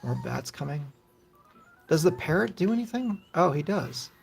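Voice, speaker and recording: A middle-aged man streaming old console games live, chatting in a loose, rambling way with casual swearing. His voice has a gravelly edge of vocal fry. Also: a little high, sing-song, normal speed, soft background music. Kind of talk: casual gaming commentary.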